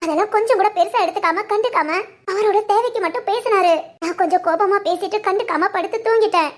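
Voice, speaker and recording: A woman's voice: extremely high pitch, fast. A woman doing a tearful wronged young wife. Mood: pleading. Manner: pleading, wounded. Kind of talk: cartoon voice acting.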